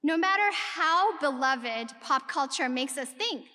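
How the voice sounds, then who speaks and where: This keynote speaker, a woman from Ethiopia, talks unhurriedly with lively intonation in a high, pushed, bright voice. She earnestly addresses a live audience with rhetorical questions, and the large hall gives a long reverb.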